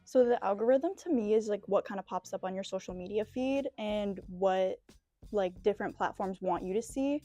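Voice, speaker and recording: A woman's voice: mid-range voice, moderate pace, dark tone, faint music behind. A young woman from upstate New York speaking casually with filler words. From Big Flats, New York. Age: young adult. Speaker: interviewee.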